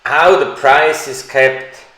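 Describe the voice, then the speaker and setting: A man who is not a native English speaker, hosting a live stream Q&A and answering viewers in a slow, deliberate, halting way. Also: medium pitch, a bit bright. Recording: echoey room.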